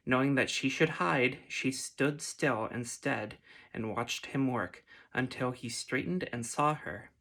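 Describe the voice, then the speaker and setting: A man reads a fantasy storybook aloud in a soft, gentle ASMR manner. His voice sits at an ordinary middle pitch and stays unhurried. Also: creaky. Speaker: reader.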